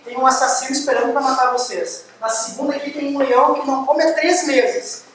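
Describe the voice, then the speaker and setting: A man giving a university lecture, lively and firing quick questions at the audience. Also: very high-pitched. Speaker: guest lecturer. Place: large lecture hall. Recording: echoey hall, distant mic, faint hiss.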